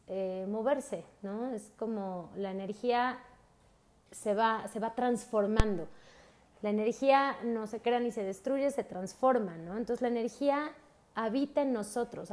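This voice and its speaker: A woman's voice: on the high side, a little slow, darkish tone. A woman gives a casual talk on emotions to her listeners. She speaks straight to them and keeps asking rhetorical questions. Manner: speaks directly to listeners, often asks rhetorical questions and adds a tag "¿no?". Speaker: host of an emotional wellbeing talk.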